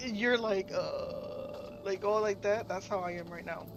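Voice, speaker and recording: Very slow, drawling, stuffed streamer. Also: mid-range voice, noisy background. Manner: drawling, rambling, laughing often. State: stuffed and sleepy after eating. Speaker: game streamer. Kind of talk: casual live-stream chat.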